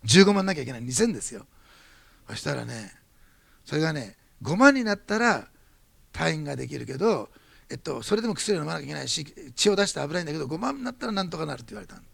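A man preaching as a pastor, telling a testimony in quick, animated bursts. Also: fairly high pitch, gravelly, slightly rough, no echo. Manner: fast-talking, animated storytelling. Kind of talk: sermon testimony.

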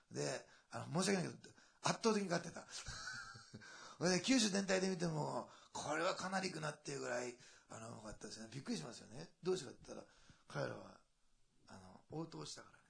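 Gravelly, animated male pastor preaching. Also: on the high side. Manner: lively, conversational preaching with frequent asides and laughs. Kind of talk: sermon.

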